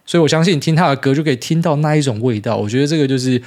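Fast-talking Taiwanese Mandarin man in his thirties. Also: mid-range voice, darkish tone. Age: 30s. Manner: rambling, blunt, peppered with mild profanity. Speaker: podcast host. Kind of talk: casual solo podcast monologue.

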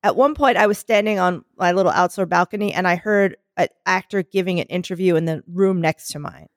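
Her voice is lowish and brisk, captured in a dry, studio-quality recording. She's a podcast co-host talking casually, and a sore throat leaves her sounding smoky and scratchy. Her stories ramble, with many restarts along the way.

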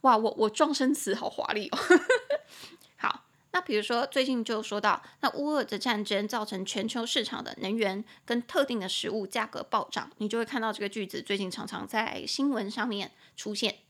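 Bright-voiced woman teaching English. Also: a little high. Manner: chatty, explains words slowly and repeats them. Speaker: podcast host, English teacher. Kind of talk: casual podcast English lesson.

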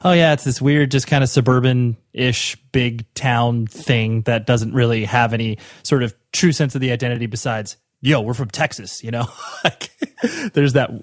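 A man's voice: mid-range voice, fairly even intonation, moderate pace, no room sound. Rambling young male interviewer, dry close sound. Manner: rambling, many fillers and restarts. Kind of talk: casual interview talk.

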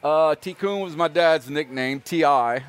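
Jokey restaurant owner from south Louisiana. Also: male voice, a little high, a little slow, clean tone. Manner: chatty, jokey, laughs often. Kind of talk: casual interview talk.

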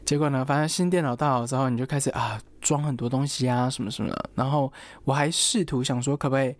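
A young adult student casually tells a personal story at a fast clip, with a medium-pitched, steady voice. He strings thoughts together chattily, quotes other people, and leans heavily on fillers such as "然后" and "anyway."

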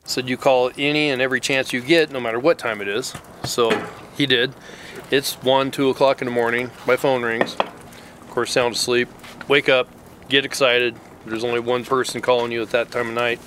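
A middle-aged father tells a hard story in a plain, mid-pitched man's voice, blunt and profane, stopping and restarting as he goes. A light hiss of noise sits under the recording. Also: flat delivery, normal speed, fairly bright tone. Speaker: father of a Marine. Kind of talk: emotional storytelling interview.

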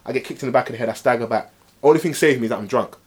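A man with an urban London roadman accent and slang, telling anecdotes in animated, boastful group banter. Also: medium pitch, racing. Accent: London, urban street style (roadman).

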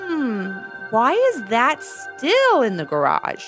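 Woman doing a young girl, curious, excitable, high bouncy voice. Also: slow pace, soft background music, exaggerated voice. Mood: excited.

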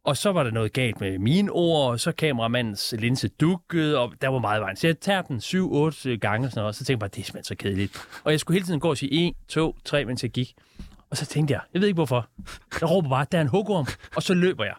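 A man's voice: mid-range voice, lively intonation, no echo. A man, a radio show guest, telling long rambling anecdotes in casual comedic chat, with many fillers.

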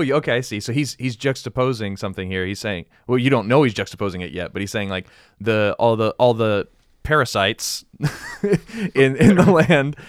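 A man's voice: on the low side, clear, resonant tone, dry recording, studio quality. A man co-hosting a podcast, chatting casually through a Bible passage, thinking aloud and explaining with everyday examples. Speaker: podcast co-host. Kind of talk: casual Bible study chat.

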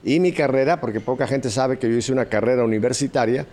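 A man's voice: mid-range voice, fast talker, darkish tone. An older man from Mexico City, a guest telling stories about his childhood with a jovial, joking manner. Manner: jovial storyteller, laughs at own jokes. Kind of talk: conversational interview.

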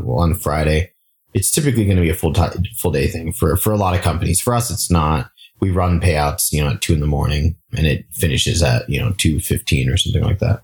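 A man who grew up in Singapore, a startup founder talking casually in an interview, full of fillers and restarts. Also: deep voice. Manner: relaxed, frequent fillers and restarts.

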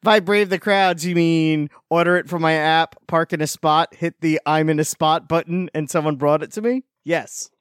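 A man's voice: fairly high pitch, moderate pace, hardly any pauses, clean tone, dry recording. Rambling man, dry close sound. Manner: rambling, animated opinions. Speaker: podcast regular. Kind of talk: casual chat.

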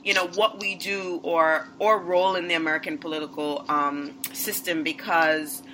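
A woman's voice: fairly low pitch, steady tone, moderate pace, sharp tone, a little hiss or hum, low-quality recording. A woman hosting a podcast, enthusiastic, with loose phrasing and restarts. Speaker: podcast host. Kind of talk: casual conversation.

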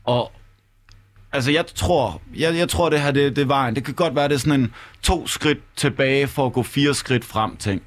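En mand, der sludrer afslappet om fodbold og ofte gentager sine ord, når han leder efter dem. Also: male voice, medium pitch. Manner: stammering, repeats words. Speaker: football podcast panelist. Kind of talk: casual chat.

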